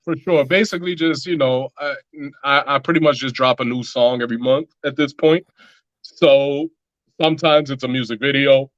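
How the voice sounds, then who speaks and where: A man's voice: medium pitch, normal speed, no echo, muffled recording. A man talking as a musician guest in a casual interview, loose and rambling with lots of filler words.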